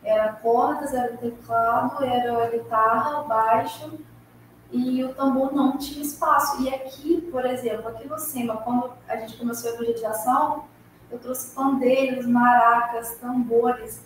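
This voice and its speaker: A woman's voice: a little high, steady tone, normal speed. A woman in a spiritist study class, earnestly telling her own experience, recorded far off in a hall. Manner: earnest, recounts personal experience. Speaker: class participant. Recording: echoey room from far off, faint hiss.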